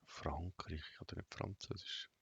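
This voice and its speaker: Flat, monotone Swiss man, gravelly and low. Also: unhurried, dry recording, lo-fi sound. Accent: Swiss German. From Bern, Switzerland. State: flat, monotone, emotionless delivery. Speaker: gamer. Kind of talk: casual gameplay commentary.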